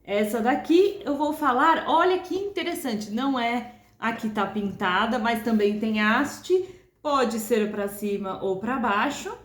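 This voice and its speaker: Slow, patient Brazilian music teacher. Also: female voice, a little high, a bit bright, roomy sound. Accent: Brazilian Portuguese. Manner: explains patiently, chants rhythm words slowly. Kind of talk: video lesson.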